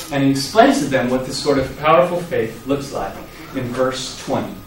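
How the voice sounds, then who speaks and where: A man's voice: mid-range voice, distant mic. Man preaching in an echoey hall. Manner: lively storytelling, acting out quoted lines with sudden loud rises. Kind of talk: sermon.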